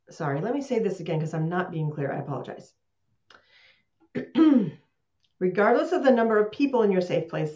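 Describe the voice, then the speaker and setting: Speaking in a warm, fairly low voice, a female host chats casually during a live online session. She laughs frequently and keeps breaking off to restart her sentences. Her computer mic on the video call picks up an echoey room and dull audio.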